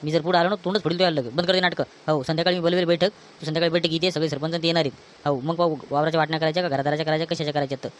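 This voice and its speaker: A man's voice: a little high, fairly even intonation, natural voice. A man with a Varhadi Marathi accent playing an angry brother who scolds his drunk sibling in a village comedy skit. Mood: scolding. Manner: scolding, rapid-fire.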